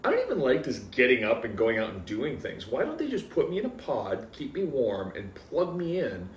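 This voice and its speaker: A man with a mid-pitched, highly animated voice delivers improvised comedy riffs. He is wordy and mock-serious as he trades banter. He sounds a little away from the mic in an echoey room with faint noise. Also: brisk, distant mic.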